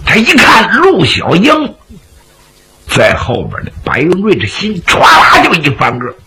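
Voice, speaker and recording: A man narrating a traditional Chinese storytelling performance, with dramatic, expressive delivery. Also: fairly high pitch, unhurried, a little hiss or hum, low-quality recording.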